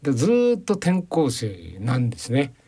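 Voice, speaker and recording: Lively chatty man telling anecdotes. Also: medium pitch, normal speed, husky. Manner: chatty anecdotal storyteller, mimics voices and dialects. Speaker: guest journalist. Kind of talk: radio interview storytelling. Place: radio studio.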